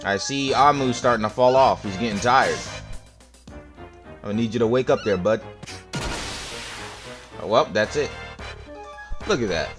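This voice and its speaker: Faint game music plays behind a man giving let's-play commentary at medium pitch, unhurried and pausing often. He jokes playfully and mocks himself as he plays.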